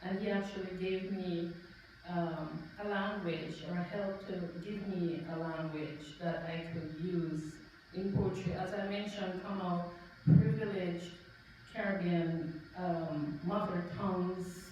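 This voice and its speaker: A middle-aged woman with a Jamaican accent speaks slowly and reflectively, pausing and restarting her thoughts. She sounds far from the microphone, caught in a very echoey event hall with a faint murmur of room noise behind her. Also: on the low side, steady tone, a little mellow, dull audio. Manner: reflective, halting, with many fillers and restarts. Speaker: poet speaking at a tribute event. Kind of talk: unscripted remarks before a reading.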